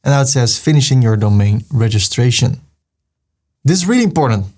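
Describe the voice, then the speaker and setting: Speaking at a medium pitch with a darkish tone, this web tutorial host sounds animated and brisk. He's a man from the Netherlands with a Dutch accent, guiding viewers through a screen-recorded walkthrough one step at a time and voicing the prompts shown on screen.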